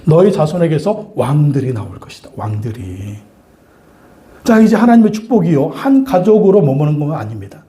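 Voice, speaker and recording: A man's voice: on the high side, big pitch swings, moderate pace, dark tone, reverberant. A man preaching a sermon as pastor, who asks the congregation questions, answers them himself and repeats key phrases for emphasis.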